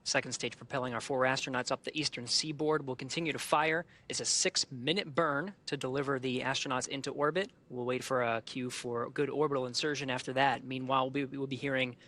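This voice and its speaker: Bright, crisp-edged man commentating a launch. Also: medium pitch, fairly even intonation, brisk, hardly any pauses. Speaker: launch webcast host. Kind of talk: live technical commentary.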